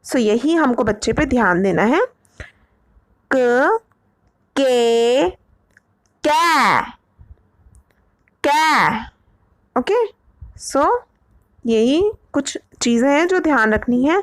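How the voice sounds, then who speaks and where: Woman, teacher, high voice, dry close sound, patient step-by-step lesson, keeps asking "okay?". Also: animated, dry recording. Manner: slow, repetitive, checks with "okay?". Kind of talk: explaining to parents.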